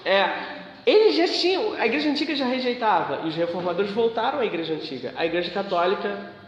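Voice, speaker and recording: A man's voice: high voice, big pitch swings, fast talker. A man teaching a live church class, explaining his points with rhetorical questions that he answers himself. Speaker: bible teacher. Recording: very echoey hall with long reverb, dull sound, faint hiss.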